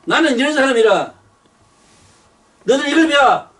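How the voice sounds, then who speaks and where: An older man preaches, his voice pitched high for a man. He rants bluntly, cursing and circling back over the same words. He sounds set back from the microphone. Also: lively intonation, measured pace, fairly bright tone, recorded from a distance. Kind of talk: sermon.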